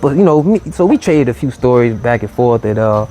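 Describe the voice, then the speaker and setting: A man hosting a late-night show, telling a story in a relaxed, easygoing way, with lots of "you know" and "man". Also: mid-range voice, a little fast, soft background music. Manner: laid-back, drawling, full of "you know" and "man". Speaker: host.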